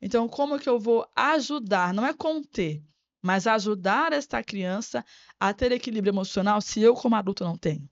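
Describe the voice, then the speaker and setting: A woman's voice: medium pitch, animated, a little fast, no room sound. A woman guest on a podcast interview, an educator speaking in an earnest, reflective way and repeating words as she thinks. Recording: dry, slightly dull sound.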